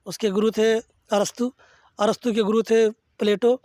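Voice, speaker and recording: A man's voice: sits high, little pitch movement, a little slow, darkish tone, no room sound, clean studio sound. A man speaking as a guest in an earnest, didactic and reverent way, reciting verse and telling anecdotes as he explains. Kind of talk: reflective discourse with verse quotations and anecdotes.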